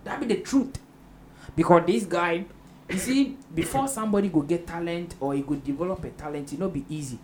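Hosting a roundtable, a man with a Ghanaian accent speaks in a fairly high, slightly mellow voice at a brisk clip. The room is noisy with ambient background, and he chats casually in Pidgin-flavoured speech, echoing his guests.

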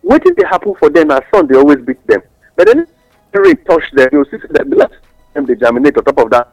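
Man, Nigerian accent, Pidgin English, didactic explainer, creaky edge, dry sound with faint music behind. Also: a little high, wildly swooping pitch, fast talker, no room sound, poor audio. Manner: didactic, uses examples and rhetorical questions. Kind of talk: explanatory talk in West African Pidgin English.

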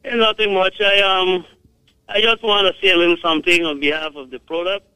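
Brief: caller from Guyana, male, bright dry voice, hesitant and polite. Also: sits high, fairly even intonation, brisk, smooth, no echo, low-quality recording. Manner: hesitant, polite, with many fillers. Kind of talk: phone-in testimonial.

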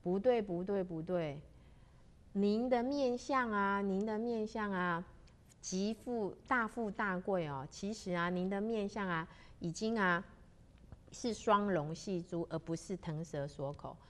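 A woman voicing a respectful male face reader in a spoken story. He speaks slowly and with emphasis. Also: mid-range voice, close to an everyday voice. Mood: deferential.

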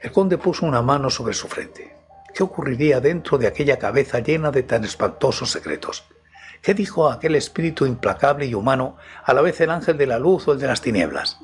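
Male audiobook narrator, steady literary reading. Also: mid-range voice, brisk.

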